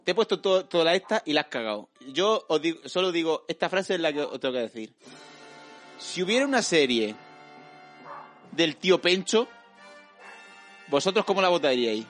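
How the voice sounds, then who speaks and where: A man's voice: a little high, animated, moderate pace, long pauses, fairly bright tone, soft background music. A man hosting a casual group chat, talking insistently and repeating himself.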